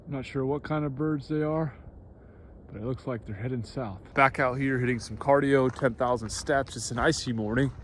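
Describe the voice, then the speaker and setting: A man's voice: medium pitch, steady tone, moderate pace. A man chatting casually and informally as he vlogs out and about, in plain-spoken everyday language. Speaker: vlogger. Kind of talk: casual outdoor vlog chat. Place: outdoors and in a car. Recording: clear outdoor and vehicle noise. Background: outdoor ambience, vehicle noise.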